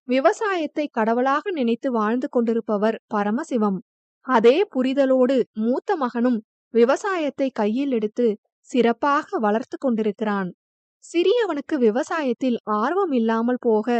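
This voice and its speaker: A woman narrating a romance novel as an audiobook in an even storytelling delivery. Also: high-pitched, dry recording. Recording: dull lo-fi dry recording.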